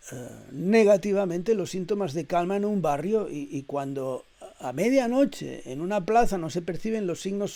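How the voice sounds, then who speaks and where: A middle-aged man delivering a reflective spoken essay in a measured, hesitant way, with frequent "eh" fillers and repeated words. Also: sits high, warm tone. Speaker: essayist reading his own text.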